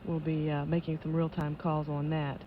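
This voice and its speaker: A woman giving live launch control commentary as an official announcer, in a measured, matter-of-fact way. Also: sits low, flat delivery. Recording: dull lo-fi broadcast audio with noise.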